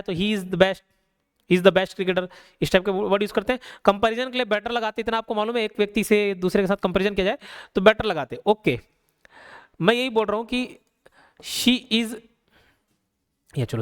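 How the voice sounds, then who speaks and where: High-voiced, smooth-toned male teacher. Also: no room sound, clean studio sound. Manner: conversational, asks rhetorical questions, slows to spell out examples. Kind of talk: casual classroom explanation.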